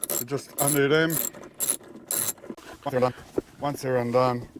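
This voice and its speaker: The recording is very noisy as a middle-aged Australian man, host of a DIY four-wheel-drive channel, talks a little slowly in a level, medium-pitched voice. He gives a casual, matter-of-fact walkthrough of unboxing and installing something, outdoors in a backyard and later inside a car cabin.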